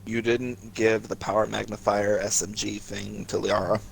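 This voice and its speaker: A man's voice: lowish voice, level tone, moderate pace, gravelly, a little hiss or hum, low-quality recording. A man co-hosting a game stream, teasing the player with dry remarks. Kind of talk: casual game commentary.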